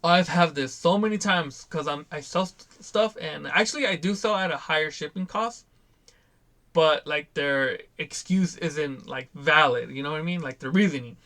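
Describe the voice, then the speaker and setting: Young adult man, casual vlog host, exasperated, slightly high voice, lively quoted asides. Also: normal speed. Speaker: toy seller and channel host.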